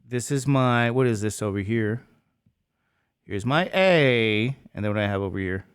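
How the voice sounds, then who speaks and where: A man teaching a math class, lecturing with quick questions to the students that he answers himself. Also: on the low side, animated, clear, resonant tone.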